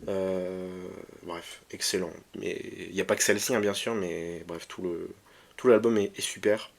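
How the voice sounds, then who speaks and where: A man's voice: low voice, fairly even intonation, moderate pace, vocal fry. A man casually presenting his record collection, hesitant with many fillers and restarts, enthusiastic about the music. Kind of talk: casual vlog talk.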